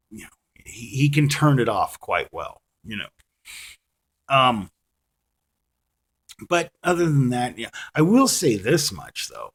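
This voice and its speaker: Speaking in a lowish voice with a fairly bright tone, a man rants casually to his viewers about a TV episode, rambling, poking fun at himself, restarting and saying "you know" constantly.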